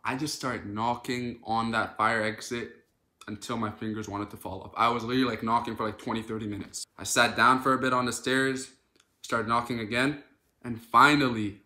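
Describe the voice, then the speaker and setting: A young man from Canada telling an animated, dramatic storytime in a casual vlog. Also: medium pitch, normal speed, echoey room. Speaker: social media creator.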